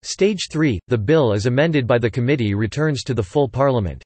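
A synthetic male voice reading an encyclopedia article in a steady, even manner. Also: medium pitch, normal speed, husky, no echo. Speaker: text-to-speech reader.

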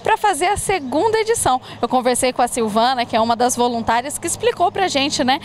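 A young woman local news reporter speaks into a handheld microphone in a friendly, upbeat tone, often adding little tag questions. Her voice is notably high. Faint noise sits behind her. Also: animated, brisk. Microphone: handheld reporter mic.

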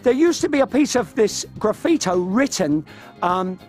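A man's voice: sits high, expressive, moderate pace, over music. A man in his fifties with a London accent, chatting casually and telling anecdotes as a radio guest in a studio. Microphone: studio microphone, headphones on.

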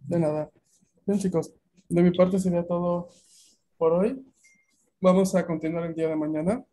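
A man's voice: high voice, moderate pace, warm tone. A Latin American man teaching a beginner language class over a video call, explaining at length and often checking that students follow.

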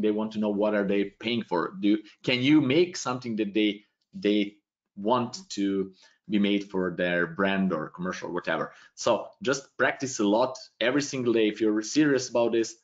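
A man with a Serbian accent answers viewer questions in a live webcam tutorial, speaking English as a second language and thinking aloud. His voice sits a little low. The stream audio is dull and lo-fi, from a small home room. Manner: loose, thinking aloud, non-native phrasing. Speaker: webinar presenter answering questions. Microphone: webcam video call.

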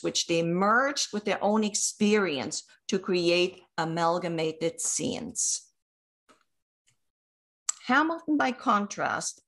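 A middle-aged woman giving a measured academic keynote lecture over slides on a video call, reading from a prepared text with occasional fillers. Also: medium pitch. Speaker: keynote speaker. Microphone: webcam on video call.

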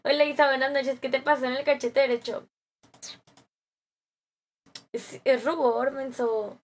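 A young Mexican woman streaming live, chatting with viewers in a bubbly, slangy way, her voice a little hoarse from a sore throat. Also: sits high, little pitch movement, measured pace. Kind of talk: live stream chat, greeting viewers and reading comments.

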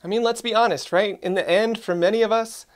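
A man in his thirties delivers a scripted talk to camera about church ministry in a studio, speaking earnestly and with animation in a high-sitting voice at a brisk pace.

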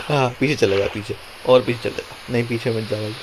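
A hoarse man giving casual gameplay commentary, pleading with and scolding his game character and counting one, two, three before each move. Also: medium pitch. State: hoarse throat. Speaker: gameplay streamer. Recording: noisy recording with mouse clicks.

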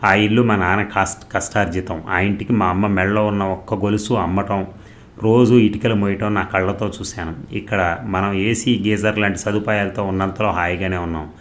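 A man's voice: lowish voice, steady tone, normal speed, a little hiss or hum, lightly acted. A man voicing a timid, anxious middle-aged husband who pleads earnestly with his wife. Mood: pleading.

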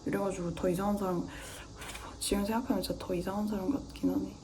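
A woman's voice: medium pitch, flat delivery, fast, mellow, a little hiss or hum. Chatty young woman rambling through makeup. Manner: rambling, talks to herself, drops to near-whispers while concentrating. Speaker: beauty vlogger. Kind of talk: chatty get-ready-with-me makeup vlog.

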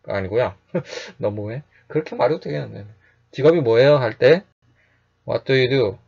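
A man teaching English phrases in a calm, explanatory lecture, repeating each phrase slowly and often adding a short "yes". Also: mid-range voice, gravelly, husky, lo-fi sound.

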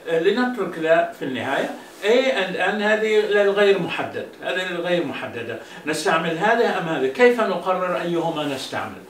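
A male teacher with a fairly high voice repeats each English phrase slowly and carefully. He then switches to quicker explanations full of hesitant fillers. The recording sounds roomy, and he is heard from some distance over a faint background hum. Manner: hesitant, with drawn-out fillers and restarts. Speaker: language teacher. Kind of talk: bilingual grammar lesson.

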